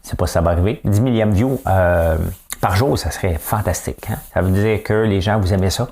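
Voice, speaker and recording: A man with a Québécois French accent hosts a casual news commentary show. His voice sits a bit low. His delivery is loose and conversational, full of rhetorical asides to the audience. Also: fairly quick, a little mellow. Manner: chatty, keeps adding a rhetorical "hein?".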